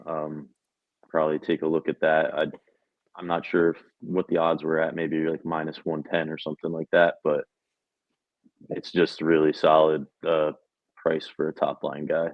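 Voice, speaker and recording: A very deep-voiced man talks hockey picks in a laid-back, hesitant way, with fillers scattered through his speech. His mic sounds dry and dull. The recording has a lo-fi quality. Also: monotone, moderate pace, dry recording. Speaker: co-host. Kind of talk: casual sports betting chat.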